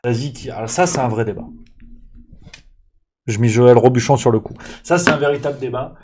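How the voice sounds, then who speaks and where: A man's voice: mid-range voice, a little fast, darkish tone, a little hiss or hum. A man hosting a casual talk, rambling and joking with many fillers. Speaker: host. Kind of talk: casual political chat.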